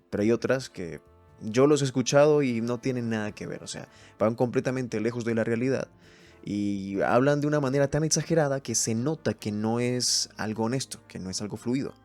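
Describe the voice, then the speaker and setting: A man from Mérida, Venezuela, hosts a solo podcast in a medium-pitched, darkish voice. Thinking aloud, he reads points from a list and comments on each in a reflective chat.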